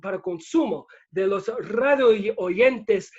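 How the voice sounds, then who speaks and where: A man putting on the voice of a fast-talking, repetitive male radio announcer. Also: expressive, breathy edge, highs cut off, heavily acted. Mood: bombastic. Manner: showy announcer patter, raised and higher.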